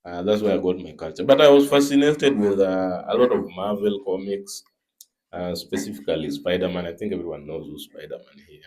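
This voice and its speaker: Low-voiced Kenyan man, measured. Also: darkish tone. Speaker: comic artist guest. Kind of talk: panel discussion.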